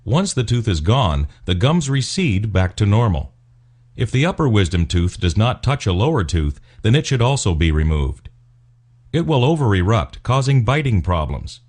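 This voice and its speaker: A man reading scripted instructional narration as a medical explainer, in a formal, measured, clinical way. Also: lowish voice, big pitch swings, a little mellow. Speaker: narrator of dental explainer videos.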